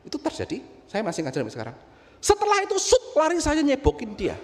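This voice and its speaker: Middle-aged pastor preaching, echoing church hall. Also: male voice, wildly swooping pitch, quick pace. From Indonesia. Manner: swings from quiet, low confiding to loud, high outbursts. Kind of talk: sermon with personal storytelling. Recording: roomy church hall with long reverb.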